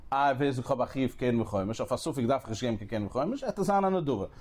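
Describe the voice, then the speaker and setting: A man giving a Talmud lesson at a steady, mid-range pitch. He works through each step in turn and lifts his voice sharply upward when he stresses a point. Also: fast talker. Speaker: Talmud teacher. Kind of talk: Talmud study lecture.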